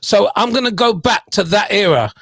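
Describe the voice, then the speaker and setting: Male drivetime radio host, gravelly, fairly high voice, chatty and self-mocking, dry close sound. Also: animated, normal speed, a bit bright, no echo. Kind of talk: casual on-air chat and song introductions.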